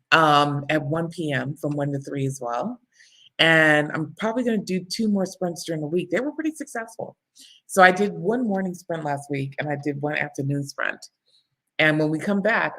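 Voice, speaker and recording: A woman book coach hosting live writing sprints in a casual, chatty way, laughing often and reading viewer comments aloud. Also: low voice. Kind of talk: casual live-stream chat.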